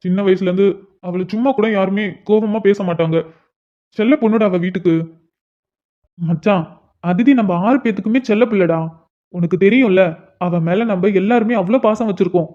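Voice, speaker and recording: A man's voice: high-pitched, normal speed, pauses often, dark tone, natural voice. A man voicing an earnest young man in a cartoon, talking to his friend about his troubled little sister. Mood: worried. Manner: earnest, pleading, calls his friend "machan". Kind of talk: cartoon voice acting. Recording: dull lo-fi sound.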